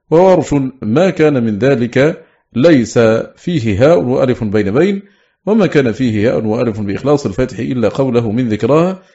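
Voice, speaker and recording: Guy reading a scholarly book out loud, formal and even, mid-pitched, muffled lo-fi audio. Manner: steady, measured recitation of lists. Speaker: audiobook reader.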